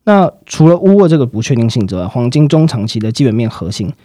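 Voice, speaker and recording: A man explaining market outlooks in a fast, explanatory way, with frequent fillers and sentence-final particles. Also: medium pitch, very animated, warm tone, dry recording, clean studio sound. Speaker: market analyst guest. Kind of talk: financial commentary chat.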